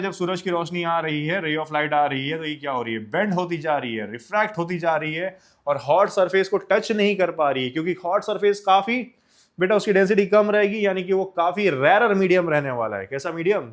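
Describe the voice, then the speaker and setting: A man's voice: fairly high pitch, brisk. A young man from India teaching a science lesson for exams, mixing Hindi and English, asking questions and answering them himself, and calling his students children. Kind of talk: exam-focused science lecture.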